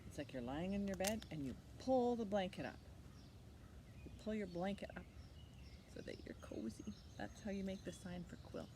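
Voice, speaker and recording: A children's library storytime host speaks in a mid-range voice at normal speed, teaching young children in a sing-song way with simple questions and repeated key words. The recording is clear, with steady background noise.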